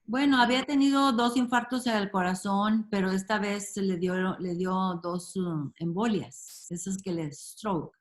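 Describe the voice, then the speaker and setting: A woman leads a relaxed Bible study group over a video call. She talks in an unhurried, gentle way and leans on little fillers as she goes. Her voice sits at an ordinary pitch for a woman. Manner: warm, unhurried, many fillers like "este" and "ujú".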